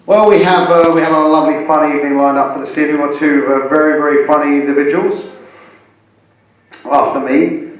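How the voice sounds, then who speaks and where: A man in his forties hosting live stand-up, talking haltingly with repeated words as he chats to the audience. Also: fairly high pitch, steady tone, a little hiss or hum. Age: 40s. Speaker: stand-up comedian and host. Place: indoor comedy venue. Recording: echoey live room, distant mic.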